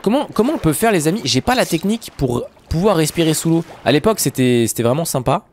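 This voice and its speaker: Excitable young man, lively gaming commentary. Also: fairly high pitch, quick pace, a little hiss or hum. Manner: chatty, excitable, talks to viewers. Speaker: gaming YouTuber. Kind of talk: Minecraft let's play commentary.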